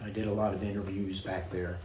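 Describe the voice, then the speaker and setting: An older man, a priest from Baltimore with a slight Baltimore accent, telling stories in an unhurried, reflective way as a podcast guest. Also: sits low, level tone, crowd noise. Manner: reflective, unhurried, with small restarts. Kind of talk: relaxed storytelling interview. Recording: echoey room with faint noise.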